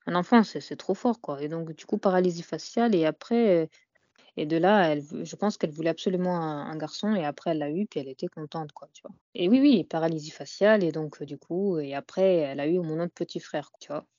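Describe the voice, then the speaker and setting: A woman's voice: low-pitched, brisk, mellow, no room sound, dull audio. A young woman as an interview guest, talking casually and hesitantly, with many fillers and "you know" tags. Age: young adult.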